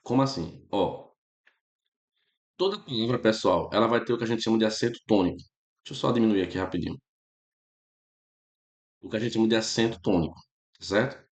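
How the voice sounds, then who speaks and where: A teacher with a Brazilian Portuguese accent and a lowish voice gives a relaxed, casual grammar lesson, regularly checking in with his students. The sound is roomy.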